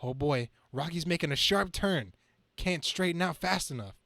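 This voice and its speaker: A man's voice: on the high side, animated, normal speed, gravelly, pushed and bright, no echo, exaggerated voice. A man voicing a wisecracking young superhero and student, narrating his own action dramatically in a comic book reading. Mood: alarmed. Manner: quippy, dramatic self-narration.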